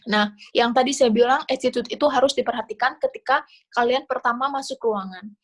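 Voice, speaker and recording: A woman with an Indonesian accent talks a class through interview tips on a video call, in a fairly high voice. Her delivery is casual and chatty, loose and full of small fillers. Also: a little fast. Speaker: scholarship interview coach. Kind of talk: online class talk.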